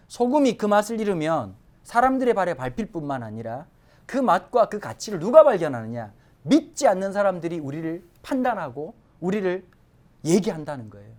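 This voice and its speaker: A male pastor giving a Sunday sermon in a lively, conversational way with joking asides. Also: high voice.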